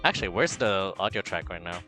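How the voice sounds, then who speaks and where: Music plays behind this man from the Philippines as he streams live, talking a little fast in a low voice. He reads chat messages aloud with campy, animated flair, moving from hushed mumbles to loud, excited outbursts in a casual chat.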